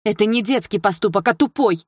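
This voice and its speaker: A man's voice: on the high side, little pitch movement, quick pace, dry recording, studio quality, lightly acted. A man voicing a fiery young woman in an audiobook. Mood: furious. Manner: sharp, indignant outbursts.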